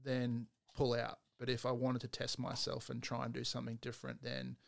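A middle-aged man chats and jokes loosely, rambling from one thing to the next. His voice has a gravelly, creaky edge. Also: mid-range voice, completely flat delivery, a little fast. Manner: joking, rambling. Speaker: podcast co-host, father. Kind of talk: casual chat.

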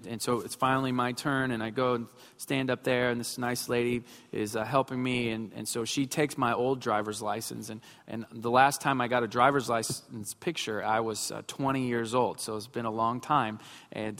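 A pastor in his thirties preaches a sermon, blending self-mocking humor with emphatic points. His voice is mid-range and fairly bright, and the recording has long hall reverb with faint music.

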